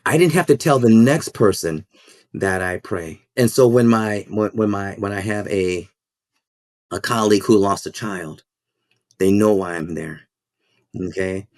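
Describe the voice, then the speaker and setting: A man's voice: fairly low pitch, a little mellow, no room sound, clean studio sound. A man who is a school principal and minister, speaking in a podcast interview in an earnest, reflective way that halts and repeats words. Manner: halting, repeats words while thinking.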